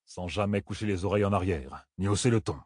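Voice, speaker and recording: A man voicing a weathered, wary older woodsman who talks low and wryly. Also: fast talker, a little mellow, slightly rough, no echo, studio quality. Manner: low, muttering, wry.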